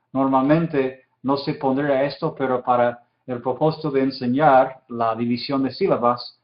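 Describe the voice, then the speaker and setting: A man teaching a recorded lesson, explaining step by step and checking in with his students often. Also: mid-range voice. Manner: patient, checks in with repeated "¿sí?". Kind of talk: recorded lecture. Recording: dull roomy lecture recording.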